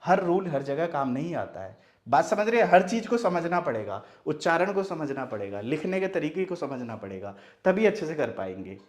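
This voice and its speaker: A man's voice: fairly high pitch, very animated, moderate pace. A man teaching Hindi spelling who keeps asking rhetorical questions to his students. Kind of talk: classroom explanation.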